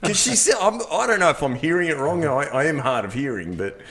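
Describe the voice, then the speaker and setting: A man's voice: fairly high pitch, animated, fairly quick, a bit bright, a little hiss or hum. A man co-hosting a motorsport podcast, joking and laughing in casual chat. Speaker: podcast co-host.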